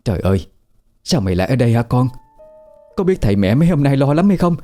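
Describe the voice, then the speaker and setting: A man's voice: on the low side, expressive, normal speed, dark tone, breathy edge, soft background music. A man playing a frantic, worried mother. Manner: anxious, scolding, raised voice.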